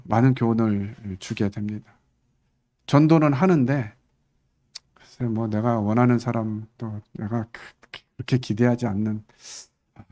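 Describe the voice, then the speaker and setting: Conversational male church preacher. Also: a little mellow. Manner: conversational, acts out quoted lines with sudden lifts in pitch. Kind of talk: sermon.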